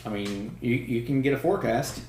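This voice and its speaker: A man running a tabletop game as dungeon master, relaxed and drawling, laughing often. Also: medium pitch, fairly quick, reverberant, slight background noise.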